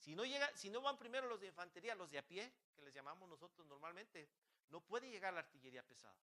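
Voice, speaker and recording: A man's voice: sits high, animated, fast talker, bright, forceful tone. A man preaching a sermon as pastor. He talks fervently, asks the congregation many rhetorical questions and often restarts his phrases. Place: church.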